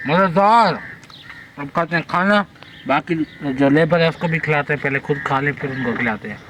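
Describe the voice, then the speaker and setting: A man's voice: on the high side, a little fast, sharp tone, a little hiss or hum, poor audio. Chatty Saraiki-accented male vlogger outdoors. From Pakistan. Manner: chatty, addresses viewers directly. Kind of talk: casual vlog narration. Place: outdoors at a village function.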